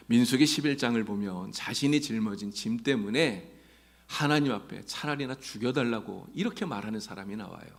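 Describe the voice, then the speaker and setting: A man's voice: medium pitch, gravelly. A man preaching a sermon as pastor, speaking emphatically and questioning the congregation directly. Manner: emphatic preaching, rising loud in quoted prayers.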